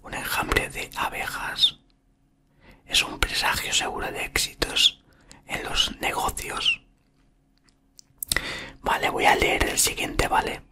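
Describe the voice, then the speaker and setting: An ASMR content creator reads aloud from a book in a breathy, unvoiced whisper that has a bright, airy edge. He goes slowly and haltingly, murmuring very close to a desktop condenser microphone in a small indoor room.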